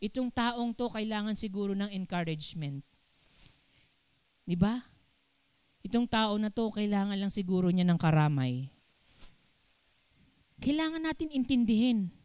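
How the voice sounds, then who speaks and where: Lively woman pastor preaching. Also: medium pitch, a little slow, pauses often, clear, resonant tone, no room sound. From Philippines. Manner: animated, asks the congregation questions, acts out quotes. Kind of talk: sermon. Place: church.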